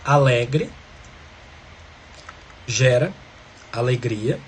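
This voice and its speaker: A man's voice: medium pitch, drawn-out words, slight background noise. A man teaching a grammar lesson, explaining step by step and often checking in with the listener.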